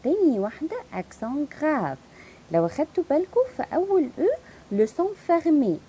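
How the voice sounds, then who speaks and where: A woman with an Egyptian Arabic accent teaching a French lesson. She says words slowly and repeats them, then explains quickly. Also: sits high, sing-song, mellow. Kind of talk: language lesson.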